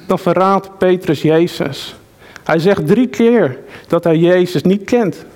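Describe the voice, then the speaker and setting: A man delivers a sermon at an unhurried pace, letting his words land. His voice sits high for a man. He speaks earnestly and keeps turning to the congregation with questions. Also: darkish tone. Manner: slow, earnest preaching with rhetorical questions. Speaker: preacher.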